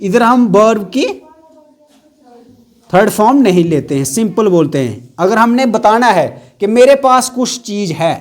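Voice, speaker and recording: A man's voice: high voice, animated, a little slow. A man teaching an English grammar class, asking the students questions and repeating the key words.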